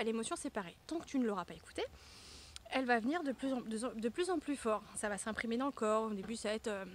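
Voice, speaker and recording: A woman's voice: a little high, slight background noise. A woman, a former sophrologist, giving frank personal-growth advice in a casual vlog, talking straight to the viewer with slang and the odd playful swear. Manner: lively, emphatic delivery with playful swearing.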